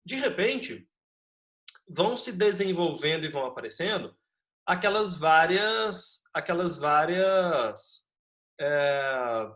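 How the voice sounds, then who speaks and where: Slow and fairly high-pitched, this man, a history teacher, shares an amusing class-trip tale with his students, then heads back to the material. The story is lively, full of performed quotes and laughter.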